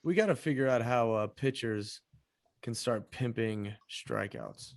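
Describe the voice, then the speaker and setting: A man's voice: medium pitch, a little slow, vocal fry, dry recording. A man co-hosts a sports podcast, laid-back and chuckling as he chimes in. His voice sits in a middle range, and the recording is close and dry. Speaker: podcast co-host. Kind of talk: casual chat.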